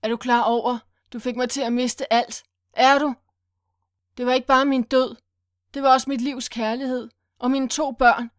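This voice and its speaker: A woman's voice: sits high, little pitch movement, dry recording, clean studio sound, voice pushed up, close to an everyday voice. A woman voicing a furious, vengeful man who barks commands at his captives. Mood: bitter. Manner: barking, roaring commands.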